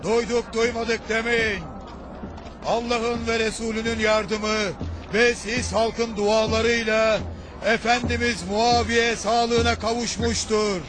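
An actor playing a town crier in a historical drama, calling out formal proclamations to the people in drawn-out phrases. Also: male voice, extremely high pitch, little pitch movement, music in the background. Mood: proclaiming. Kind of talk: dubbed historical drama acting.

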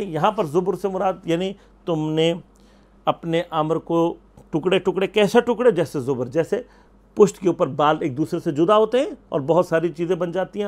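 A man delivers a Quran commentary lecture in a fairly high voice. He explains the verses patiently, asking rhetorical questions and answering them himself, and he quotes Arabic verses along the way. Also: darkish tone. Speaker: religious scholar.

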